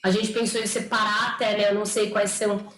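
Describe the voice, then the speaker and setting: Fast-talking and a bit bright, this woman keeps a level tone at medium pitch as she welcomes members of her informal online study group. She's a speech therapist, chatty, often adding "né?". Captured through a computer or phone on a video call, the sound is echoey with faint noise.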